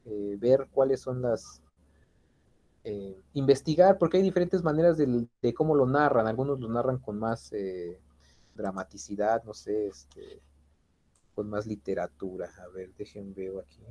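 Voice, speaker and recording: Warm-toned and on the low side, a man leads a casual philosophy class at a measured pace. He talks conversationally, often ending sentences with tag questions, using fillers, and acting out his anecdotes.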